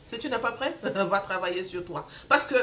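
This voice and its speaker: A woman preaching a live-streamed testimony sermon, telling her story in an animated way, full of exclamations and acted-out dialogue. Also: medium pitch, moderate pace, a little hiss or hum.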